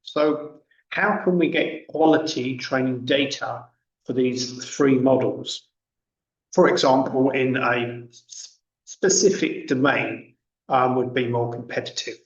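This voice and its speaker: Male academic presenter, unhurried delivery with long pauses, echoey and muffled online call sound. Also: mid-range voice. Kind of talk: conference presentation. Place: indoors, online video conference call. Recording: roomy, distant, dull online call audio.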